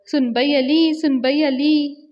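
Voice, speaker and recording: A woman voicing an older village patriarch who is boastful and taunting, shouting in a singsong way. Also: high voice, fairly even intonation, takes it slowly, big-room sound, muffled recording, pitched above the performer's own voice. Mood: gleeful.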